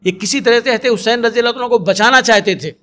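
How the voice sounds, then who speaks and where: A preacher, a man with a notably high voice, narrates history in an earnest religious lecture. He often sinks into low, soft passages as he tells the story. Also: very fast. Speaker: Islamic preacher.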